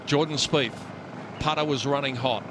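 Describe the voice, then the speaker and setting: A man working as a golf commentator, narrating tournament highlights. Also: normal speed. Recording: crowd and outdoor noise behind. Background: loud golf crowd and outdoor ambience.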